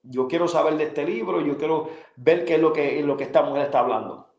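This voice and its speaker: Earnest man giving a halting testimony. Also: on the high side, vocal fry, a little mellow, reverberant, muffled recording. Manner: halting, full of fillers and repeated words, earnest. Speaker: guest sharing a personal testimony.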